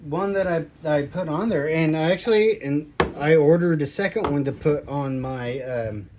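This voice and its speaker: A man giving a casual, rambling gear review in a halting way, drawing out his words and trailing off. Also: a little high, noisy background. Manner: halting, drawn-out delivery with trailing phrases. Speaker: product reviewer, military veteran.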